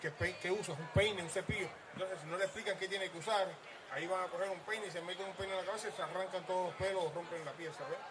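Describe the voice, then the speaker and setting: A man's voice: high-pitched, steady tone, rapid-fire, a crowd in the background, poor audio. A man with a Spanish accent, a hair replacement stylist, explaining his work in an emphatic, instructive way and sometimes switching into Spanish. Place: busy trade-show floor.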